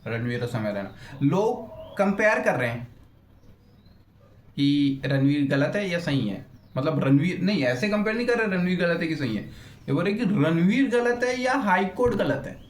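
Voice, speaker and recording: A man's voice: on the high side, big pitch swings, normal speed. A young man and YouTuber ranting in an unscripted roast, blunt and crude, swearing freely and losing his thread as he rambles. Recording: echoey room.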